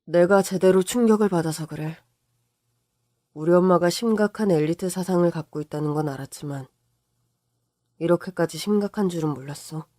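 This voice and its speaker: Subdued husband, low murmur, played by a woman narrator. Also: no echo, studio quality, close to an everyday voice. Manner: quiet, low and resigned.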